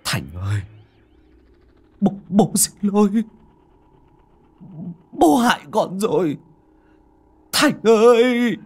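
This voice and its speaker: A man's voice: high-pitched, huge pitch swings, very slow, long pauses, breathy edge, voice pushed up, full character voice. A man voicing a drowning father who cries out to his son in a strained, choked voice. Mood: choked anguish. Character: drowning father begging his son's forgiveness.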